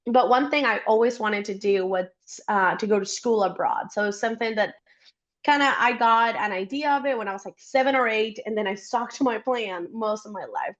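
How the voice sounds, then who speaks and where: A chatty, upbeat young woman from Costa Rica speaks briskly in a mid-range voice as a guest in an interview; she works in startup support. The recording sounds muffled.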